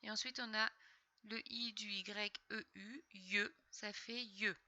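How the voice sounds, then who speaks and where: A woman teaching young children to read, slowly and patiently sounding out letters and syllables, with a slightly sore throat. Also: mid-range voice, fairly even intonation, pushed and bright, no room sound, dull audio. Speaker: primary school teacher. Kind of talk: recorded reading lesson for young children.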